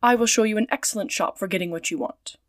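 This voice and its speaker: A woman reads a calm male detective in a storybook. He speaks steadily, with measured, probing questions. The sound is close and dry. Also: medium pitch, no echo, natural voice.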